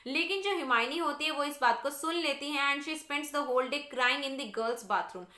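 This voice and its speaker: A woman teacher reads summary lines slowly, then explains them in Hindi. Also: high voice, pushed and bright, echoey room. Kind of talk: literature lesson explaining a novel.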